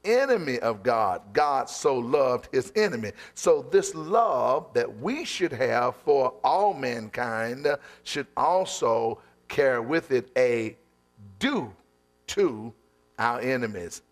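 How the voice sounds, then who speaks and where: Preaching man leading call-and-response. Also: lively intonation. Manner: calls for the congregation to repeat phrases, asks "what?" for them to fill in; drawn-out emphatic phrasing, building in pitch toward the end. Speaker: pastor. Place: church.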